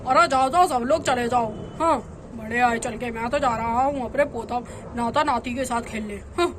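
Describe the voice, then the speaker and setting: A cranky, boastful old village uncle, voiced by a woman, who squabbles and teases in a fairly high voice. He acts younger than he is in a doll storybook tale. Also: moderate pace, background noise, lightly acted. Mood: dismissive. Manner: bickering, teasing.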